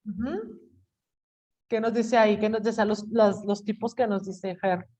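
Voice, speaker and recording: A woman teacher, giving a lively classroom lecture and acting out what students might say. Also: mid-range voice, unhurried. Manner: animated, acts out student quotes. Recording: dull lo-fi classroom recording.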